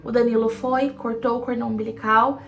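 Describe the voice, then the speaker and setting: A woman's voice: fairly high pitch, level tone, brisk, creaky. A young woman with a Brazilian accent, casually telling her birth story to camera in a chatty, repetitive way. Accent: Brazilian Portuguese. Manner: chatty, repetitive "e aí" storytelling, acts out quoted lines.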